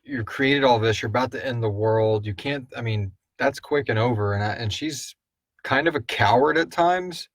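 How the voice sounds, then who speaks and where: In a relaxed live Q&A, the man who created and hosts this podcast muses out loud over questions sent in by listeners. He talks at a normal speed in a medium-pitched voice, recorded dry.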